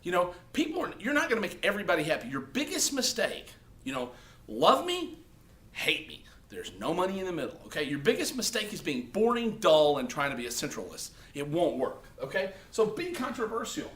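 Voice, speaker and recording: A high-pitched man whose pitch swoops wildly, talking a little fast with a fairly bright tone. He gives blunt, profane social-media advice casually to the camera, frequently adding "okay?" to his points.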